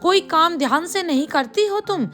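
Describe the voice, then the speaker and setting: A woman voicing a spiteful, jealous young daughter-in-law in a storybook tale, speaking in a sharp, taunting way. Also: very high voice, animated, normal speed, soft background music, voice pushed up. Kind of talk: storybook voice acting.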